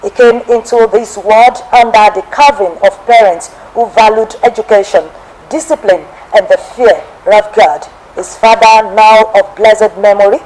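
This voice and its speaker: A Nigerian woman hosts a television testimony show, reading a formal life story in a slow, measured way. Her voice sits a little high for a woman. A faint ambient hiss runs underneath. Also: darkish tone, poor audio. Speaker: TV program host and narrator. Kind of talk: scripted biographical narration.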